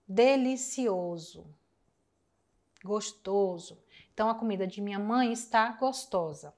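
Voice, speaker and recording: Slow, patient woman teaching Spanish. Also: a little high. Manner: explains step by step, repeats answers, addresses students directly. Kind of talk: recorded class lesson.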